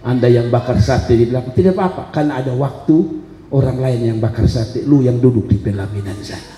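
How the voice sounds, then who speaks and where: A middle-aged pastor with a Kupang Malay-tinged Indonesian accent preaches a sermon in a church hall, telling personal stories conversationally with humorous asides. His medium-pitched voice is fairly quick and dark in tone. The hall is echoey with long reverb, and there's slight background noise.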